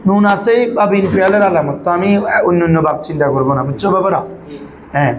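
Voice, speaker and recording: A male Arabic grammar teacher, drilling his students with quick questions in a patient classroom manner. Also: sits high, reverberant, crowd noise, rough recording.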